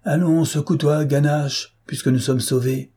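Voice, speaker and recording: Determined detective chief in an audiobook, urgent and commanding, husky mid-high voice, voiced by a man. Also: fairly even intonation, measured pace, mellow. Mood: urging. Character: determined middle-aged male police chief.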